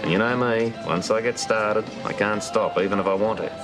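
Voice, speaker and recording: An actor playing a blunt, proud older Australian man in a television soap, speaking plainly and haltingly. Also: fairly low pitch, natural voice. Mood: regretful. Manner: halting, gruff, plain-spoken. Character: blunt, stubborn, proud but good-hearted older bloke. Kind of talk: television soap drama acting. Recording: TV soundtrack with music underneath.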